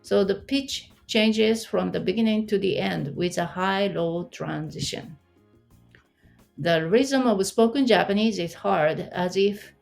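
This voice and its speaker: A woman's voice: medium pitch, creaky, darkish tone. A woman teaching an online language lesson, explaining patiently and asking the listener questions.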